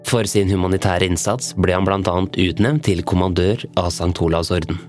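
Deep-voiced man narrating a history story. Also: fairly even intonation, a little mellow. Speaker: podcast narrator. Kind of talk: scripted narration. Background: faint music.

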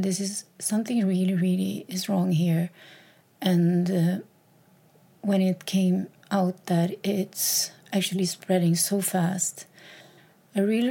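A woman's voice: medium pitch, mellow. A woman talking alone on her podcast in a reflective, hesitant way, with many fillers and repeated words. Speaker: podcast host.

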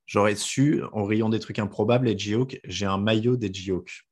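A man's voice: on the low side, fairly even intonation, moderate pace. A man hosting a podcast, chatting casually and plugging the show's social media. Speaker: podcast host.

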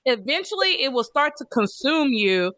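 A woman with a high-pitched voice chats as a podcast co-host. Her delivery is casual and conversational, peppered with slang. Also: very animated, moderate pace, a bit bright, dry recording.

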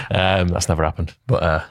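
A man's voice: deep voice, fairly bright tone, no echo. A man from Northern England co-hosting a podcast, chatting casually with dry joking banter. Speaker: podcast co-host. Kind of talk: casual chat.

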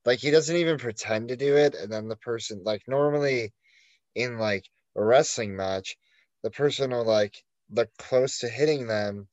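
A man's voice: mid-range voice, normal speed, a little mellow, no echo, muffled recording. A man telling a story in loose podcast chat, his mid-range voice sitting close and dry on the mic. He leans hard on "like" fillers and drops curses freely as he goes. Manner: rambling storyteller, heavy "like" fillers and swearing. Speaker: podcast co-host.

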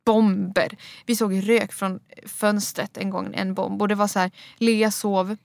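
A woman's voice: mid-range voice, flat delivery, creaky, a little mellow, dry recording, studio quality. A young woman from Sweden co-hosting a podcast, talking in an earnest, emphatic, chatty way. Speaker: podcast co-host. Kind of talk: casual chat.

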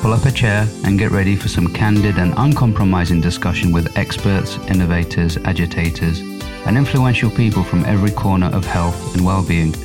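A man's voice: low-pitched, fairly quick, over music. A man hosting a podcast interview, chatty and rambling with fillers, after a read intro. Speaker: podcast host. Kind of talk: scripted intro then casual interview.

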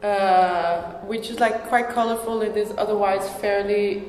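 A woman's voice: medium pitch, steady tone, unhurried, a little mellow, slight background noise. Chatty Danish woman in echoey gallery. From Denmark. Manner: chatty, many "like" fillers. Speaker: podcast host. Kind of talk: casual conversational interview. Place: gallery exhibition room. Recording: echoey gallery room with long reverb.

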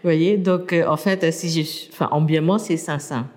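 Native Burmese-speaking woman lecturer, low and mellow, hesitant explainer, long reverb. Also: steady tone, moderate pace. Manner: hesitant, many restarts and fillers, explanatory. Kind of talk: interview.

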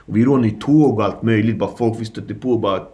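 A man in his forties from the Stockholm suburbs in Sweden, with a warm voice on the low side, appears as an interview guest. He candidly recounts his past in slangy, vivid retellings complete with sound effects.

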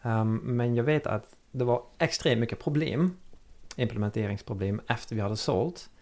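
A man's voice: mid-range voice, a little mellow. A man in casual chat, talking hesitantly, repeating words and searching for the right phrasing.

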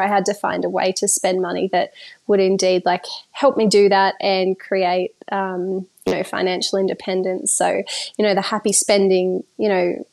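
Woman, podcast guest, chatty, filler words, mid pitch. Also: a little mellow. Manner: chatty, many fillers, laughs often. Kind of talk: casual interview talk.

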